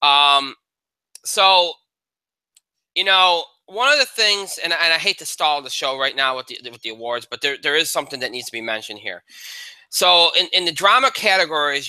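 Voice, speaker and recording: A man's voice: mid-range voice, sharp tone, clean tone, no room sound, rough recording. A man hosting a casual talk show, analyzing award winners in a rambling way with many restarts. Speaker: podcast host. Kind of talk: casual chat.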